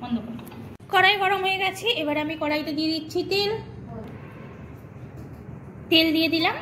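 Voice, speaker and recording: A middle-aged woman narrates her home cooking step by step for viewers, chatting casually with little asides. Her voice is very high-pitched and sharp at normal speed, and the echoey kitchen is full of clear frying sizzle and stirring noise.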